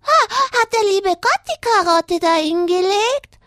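A woman's voice: very high-pitched, animated, unhurried, fairly bright tone, no echo, studio quality, heavily acted. A woman voicing a cheerful, childlike male rabbit puppet that chatters eagerly like a small child on a children's radio show.

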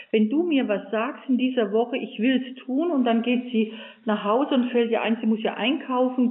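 Older woman, religious guest on radio, earnest storyteller, slightly high, phone-line sound. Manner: earnest, animated storytelling with many fillers. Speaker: guest, religious sister and author.

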